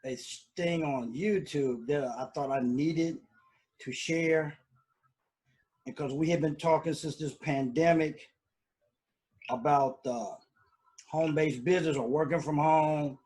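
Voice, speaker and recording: A man with a slightly higher voice hosts a casual live stream from home. He rambles along loosely, full of fillers and restarts, talking into a computer mic. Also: steady tone, measured pace, pauses often, darkish tone. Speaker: host.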